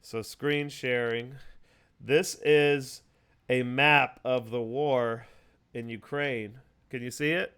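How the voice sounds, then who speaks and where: A man's voice: mid-range voice, steady tone, slow pace, fairly bright tone, smooth. A man hosting a casual chat over a video call, explaining things at length with many fillers and restarts. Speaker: host. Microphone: video call mic.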